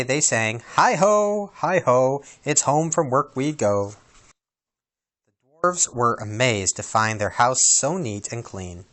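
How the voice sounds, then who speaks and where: Acting as storyteller, a man with a lowish voice reads a children's storybook aloud in a dramatic, expressive way.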